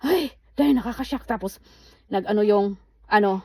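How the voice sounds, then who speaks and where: Fast-talking woman, animated storytelling. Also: medium pitch, dry recording. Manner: animated storytelling, acting out quoted dialogue. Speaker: vlogger. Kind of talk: casual storytime vlog. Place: indoors, under a blanket.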